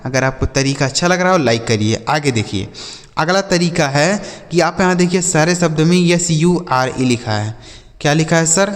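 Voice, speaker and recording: A man teaches English in a video lesson and keeps asking questions that he then answers himself. His voice sits somewhat high and he spells each word out one letter at a time. A long reverb trails behind his speech. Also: moderate pace. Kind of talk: YouTube classroom lesson.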